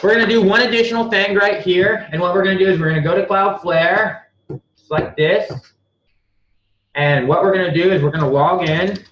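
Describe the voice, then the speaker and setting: A man's voice: high voice, moderate pace, a bit bright, a little hiss or hum. A man teaching a live screen-share tutorial, talking bluntly and swearing freely, repeating himself as he walks through each step. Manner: blunt and profane, repeats himself while clicking through steps. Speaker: online marketing instructor. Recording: echoey room, slightly dull lo-fi sound.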